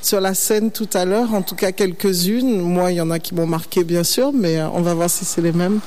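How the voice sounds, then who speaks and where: A woman presenting a radio interview, introducing her guest and then asking gentle, somewhat hesitant questions. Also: on the low side, fairly even intonation, moderate pace.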